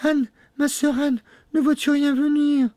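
Storybook figure: a terrified young wife put on by a man, high pleading falsetto, dry close sound. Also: flat delivery, a little slow, warm tone, no room sound. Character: young, frightened, pleading noblewoman. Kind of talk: storybook reading.

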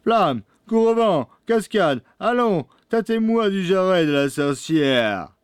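A man's voice: high voice, big pitch swings, takes it slowly, clear, resonant tone, no echo, studio quality, voice pushed up, heavily acted. A man voicing a clever, bold youngest brother who speaks firmly and defiantly in a storybook reading. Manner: firm, defiant. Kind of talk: storybook read-aloud.

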